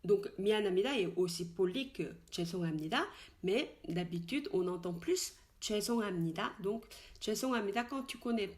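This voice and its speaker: A woman teaches in French with frequent fillers and restarts. She slowly repeats each expression several times so it can be copied. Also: mid-range voice. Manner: slow, repeated model pronunciations of Korean words. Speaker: Korean language teacher. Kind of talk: casual spoken language lesson.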